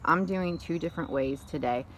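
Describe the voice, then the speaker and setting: A woman's voice: sits low, a little fast, a little hiss or hum. A woman vlogging outdoors on a sunny day by a wood fire, giving a casual how-to demonstration in a chatty, rambling way full of tangents. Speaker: vlogger showing how to make lye.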